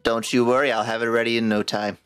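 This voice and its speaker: A man's voice: medium pitch, level tone, quick pace, fairly bright tone, clean tone, soft background music, lightly acted. A man voicing a jovial, boastful male gnome blacksmith in a tabletop game. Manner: cheerful, bragging, playful. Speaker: game master voicing a shopkeeper.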